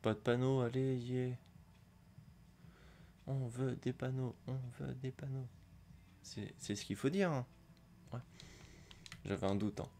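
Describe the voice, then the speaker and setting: A hoarse gaming YouTuber, suffering from a cold, chats casually as he opens packs in a football video game, rambling with many hesitations. His mid-range, dark voice keeps fairly even intonation, and he speaks a little slowly with frequent pauses. There's slight background noise.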